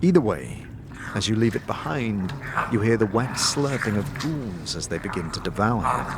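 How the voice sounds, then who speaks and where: This fairly low-pitched, animated male voice moves at normal speed as he narrates a fantasy tale as game master, dramatic and scripted, addressing the listener as "you" with vivid description. Background noise and ambience come through clearly.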